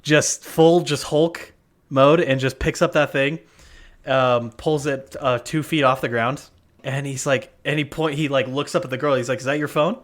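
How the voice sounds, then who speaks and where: A man's voice: mid-range voice, fairly even intonation, unhurried. A man co-hosting a podcast, telling a story in casual chat, full of fillers and restarts. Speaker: podcast co-host. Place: worked at a gym front desk.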